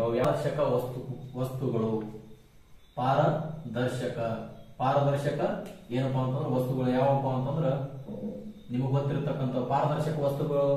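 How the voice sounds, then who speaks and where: A man's voice: mid-range voice, a little mellow. A man teaching an exam-coaching lecture, stressing and repeating key terms and asking rhetorical questions. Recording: very echoey room, mic at a distance.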